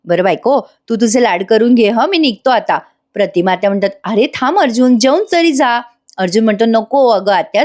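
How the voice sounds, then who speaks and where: A woman in her thirties with a slightly high voice narrates a TV serial episode in a chatty recap. She speaks directly to her viewers and slips into the characters' dialogue as she goes.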